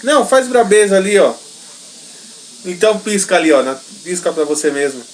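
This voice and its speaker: A woman's voice: lowish voice, big pitch swings, brisk, darkish tone, a little hiss or hum, poor audio. Woman coaxing a toddler in sing-song. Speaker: caregiver filming a toddler. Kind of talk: home video talk with a small child.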